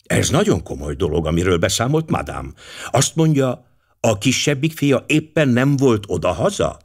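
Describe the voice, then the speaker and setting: A man voicing a precise, formal older male detective with a measured delivery. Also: mid-range voice, very animated, slightly rough.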